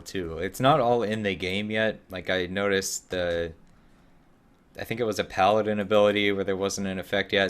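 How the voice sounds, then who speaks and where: A man streaming a game, chatting casually about it and reading chat, rambling and self-mocking. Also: on the low side. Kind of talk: casual gameplay commentary.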